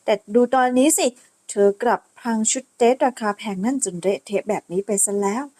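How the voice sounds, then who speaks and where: A haughty, scornful young noblewoman, as a woman puts her on in a lower, darker voice than her own. She drips contempt with every word, dragging out her insults with cold, mocking superiority. Storybook recap voice. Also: a little fast, warm tone, close to an everyday voice. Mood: sneering. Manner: sneering, contemptuous.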